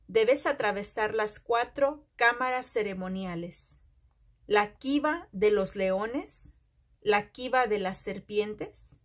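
A woman voicing a solemn, commanding sun god and father in a storybook, with measured pronouncements. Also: medium pitch. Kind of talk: storybook read-aloud.

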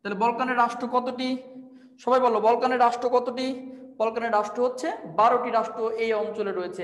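A man's voice: very high voice, a bit bright, roomy sound, big-room sound, low-quality recording. A man with a Bangladeshi Bengali accent, teaching an online admission test class, drilling students with questions and spinning memory-trick stories. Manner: teaches memory tricks through playful storytelling.

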